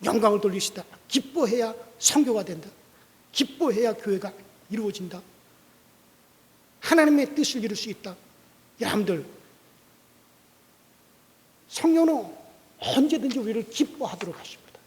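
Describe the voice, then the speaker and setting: A man's voice: high voice, lively intonation, moderate pace, long pauses, in a large hall. A male pastor giving a dawn prayer sermon, preaching with animation and putting questions to the congregation.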